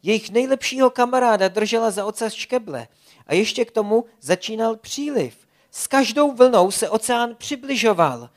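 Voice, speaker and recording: Expressive storyteller reading a kids' animal adventure; lively and playful. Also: medium pitch.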